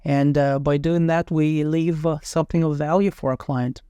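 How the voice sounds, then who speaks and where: A man narrating an informal project review as a renovation company representative, speaking in a somewhat halting way with self-corrections. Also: fairly high pitch, fairly even intonation, mellow, smooth, dry recording.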